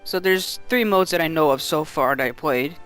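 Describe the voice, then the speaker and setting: Higher-pitched man giving casual game commentary. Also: moderate pace, fairly bright tone, clear, resonant tone, faint music behind. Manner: explanatory, matter-of-fact.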